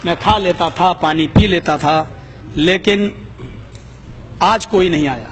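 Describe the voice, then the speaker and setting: A man preaching a sermon, telling a story with dramatic rises in his voice. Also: noisy background. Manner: dramatic, rising pitch for quoted voices.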